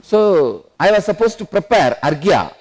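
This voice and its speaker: A man's voice: high-pitched, big pitch swings, darkish tone. South Indian man telling a spiritual story. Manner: laughs while telling stories, slow deliberate phrasing. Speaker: spiritual teacher. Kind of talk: storytelling discourse.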